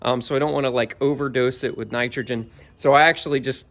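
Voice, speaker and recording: A middle-aged man from Georgia in the US, a home DIY vlogger, talks fast at a medium pitch as he casually walks through his homemade yard sprayer outdoors. It's a relaxed how-to walkthrough, rambling and full of ums.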